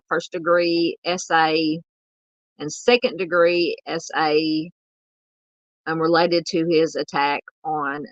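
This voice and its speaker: Reading chat on her true crime livestream, a woman from the American South speaks casually, hesitating with many ums and uhs. Her voice is on the low side and a bit bright. The audio is dull, with no room sound.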